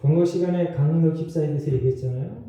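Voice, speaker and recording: Pastor preaching in an echoey church. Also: male voice, on the high side, racing, dark tone, dull audio. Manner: conversational preaching with asides and laughs. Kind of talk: sermon. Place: church sanctuary. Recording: roomy echo, mic far off.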